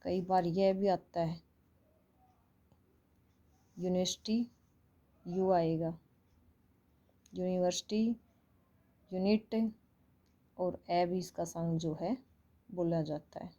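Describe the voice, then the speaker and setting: A woman's voice: lowish voice, steady tone, takes it slowly, dark tone, dull audio. A woman with an Indian accent teaching English phonics online, explaining patiently and repeating each sound.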